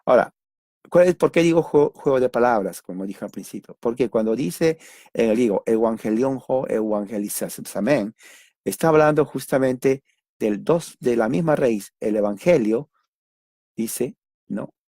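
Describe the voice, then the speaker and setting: A man's voice: mid-range voice, animated, moderate pace, mellow, no echo, studio quality. Man preaching a conversational Bible lesson. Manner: conversational, frequent "¿no?" tag questions and hesitant fillers; repeats and rephrases points while explaining. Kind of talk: expository Bible teaching.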